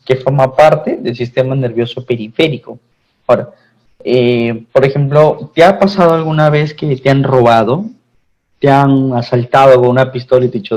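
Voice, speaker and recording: A Peruvian man at a middle pitch teaches a pharmacy course. He talks in loose, repetitive phrases and keeps checking in with his students. The sound is dull and lo-fi, like an online class recording. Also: darkish tone. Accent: Peruvian Spanish. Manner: repeats phrases, asks the class questions.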